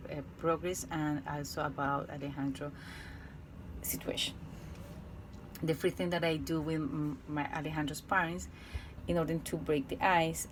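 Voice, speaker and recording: A woman teacher with a Colombian Spanish accent and a low-pitched voice reads out a prepared report about a student. She speaks carefully and haltingly, restarting phrases and filling pauses. A faint hum of room ambience sits behind her. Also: poor audio. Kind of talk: reading a prepared case report.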